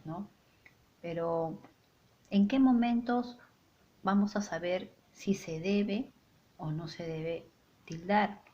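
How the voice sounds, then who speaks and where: A woman teacher giving a spoken grammar lesson, with a clear, deliberate delivery and stressed example sentences. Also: medium pitch, a little mellow, lo-fi sound.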